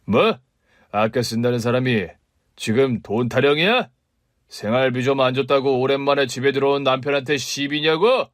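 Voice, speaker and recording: A man's voice: mid-range voice, moderate pace, no room sound, clean studio sound, lightly acted. A man playing a scolding, cheating husband. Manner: scolding, contemptuous. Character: cold, irritable philandering father, middle-aged man.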